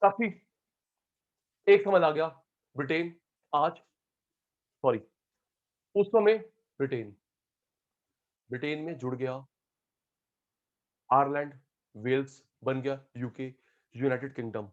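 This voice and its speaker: A man teaching economics in a live classroom lecture, calling on students by name and swinging between loud calls and quiet asides. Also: mid-range voice, slow, pauses often, muffled recording.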